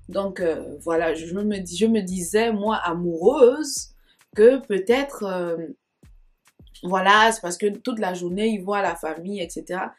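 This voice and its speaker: A woman's voice: mid-range voice, darkish tone. A young woman telling a personal story in a chatty, digressive vlog manner, with sayings and asides. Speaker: storytime vlogger. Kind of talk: casual storytime monologue.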